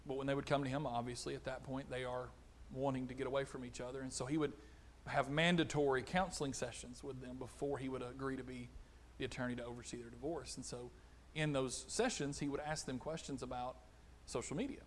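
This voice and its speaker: A middle-aged man preaching a conversational sermon, animated, acting out little exchanges. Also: mid-range voice, a little fast, hardly any pauses, a little hiss or hum. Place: church auditorium.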